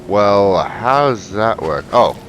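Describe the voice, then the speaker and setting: A man's voice: fairly low pitch, animated, slow pace, slight background noise. A man giving casual game commentary as a let's play host, thinking aloud as he goes. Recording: music under the voice.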